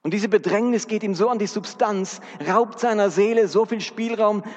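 A man's voice: sits high, normal speed, darkish tone. A man preaching a sermon, earnest and speaking directly to his congregation. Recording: dull recording with long hall reverb.

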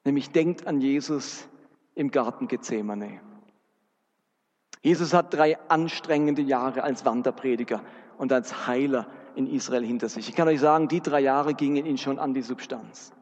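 A man's voice: medium pitch, normal speed, darkish tone. A man preaching a sermon, earnest and speaking directly to his congregation. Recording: dull recording with long hall reverb.

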